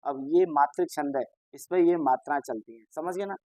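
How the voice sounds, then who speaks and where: A man's voice: fairly high pitch, fairly quick, mellow, dry recording. A male teacher giving an exam-prep lesson, patiently explaining, repeating reminders and asking and answering his own questions.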